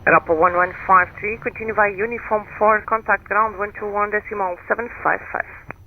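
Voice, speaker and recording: Male air traffic controller: high voice, clipped procedural delivery, dull radio transmission. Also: fairly even intonation, fairly quick. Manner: clipped, procedural, reading digits one by one. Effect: aviation radio transmission. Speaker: airport tower controller. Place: airport control frequency, heard over radio. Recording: dull aviation radio with faint noise.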